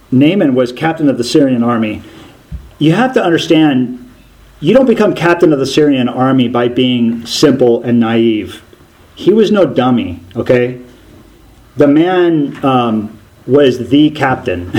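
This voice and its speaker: A man preaching a sermon, telling a story in an animated way and often restarting his sentences. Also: medium pitch, rough recording.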